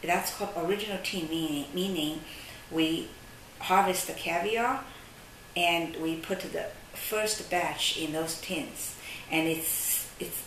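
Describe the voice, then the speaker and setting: A caviar company representative, a woman with a low, gravelly and slightly bright voice, explains her product in an interview while seated at a desk in a sunlit office. She speaks slowly and hesitantly, searching for words with many fillers. The room is echoey, the mic distant, and there is faint hiss.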